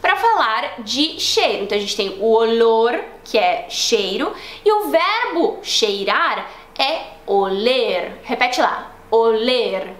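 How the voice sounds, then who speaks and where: A young woman with a Brazilian Portuguese accent, teaching a casual online language lesson in a chatty, explanatory way that slows down to model words for practice. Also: fairly high pitch, animated, fairly bright tone. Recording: roomy echo, faint background noise.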